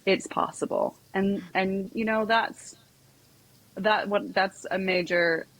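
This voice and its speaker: A woman's voice: medium pitch, fairly even intonation, slow, a bit bright, poor audio. A woman psychotherapist and equine coach, talking as a podcast guest in a chatty storytelling way, full of "like" and "you know". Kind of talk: casual podcast conversation.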